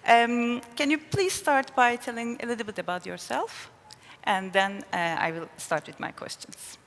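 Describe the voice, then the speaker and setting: A woman's voice: on the high side, moderate pace, fairly bright tone. A woman with a Turkish accent, moderating a conversational panel interview in front of an audience. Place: large conference hall. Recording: long hall reverb.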